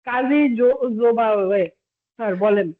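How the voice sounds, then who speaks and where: A high-voiced woman from Bangladesh leads an online exam-prep class, explaining patiently and apologizing when she must say no. Her voice comes through a thin, phone-like call line. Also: a little slow. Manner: polite, apologetic, explains step by step, mixes in English. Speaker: PTE instructor. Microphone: video call.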